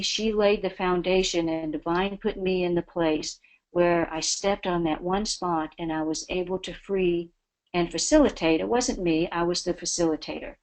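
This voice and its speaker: A woman's voice: on the low side, low-quality recording. A woman giving a spiritual talk as a webinar guest, earnest and devotional. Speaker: guest speaker.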